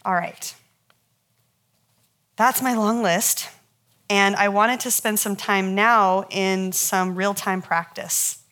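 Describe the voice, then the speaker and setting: A woman leads a counseling workshop in an easy, conversational teaching voice that sits at a middle pitch. She tells stories from her own sessions with animation, laughs often and speaks to her listeners directly. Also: fairly even intonation, slow, pauses often, fairly bright tone.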